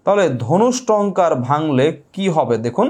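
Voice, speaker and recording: A male grammar teacher giving an online exam-prep lesson, who repeats key points and keeps asking his listeners quick check questions. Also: fairly high pitch, expressive.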